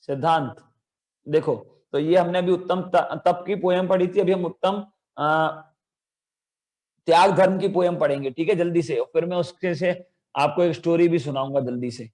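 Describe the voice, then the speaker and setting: A man teaching a children's religion class over a video call, calling on children by name and chanting verses slowly for them to repeat. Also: on the high side, a little mellow.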